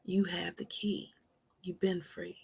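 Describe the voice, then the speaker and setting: Slow husky woman hosting a live stream. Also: on the low side, level tone. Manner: drops to soft whispers for emphasis, calls listeners honey. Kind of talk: motivational live-stream talk with prayer.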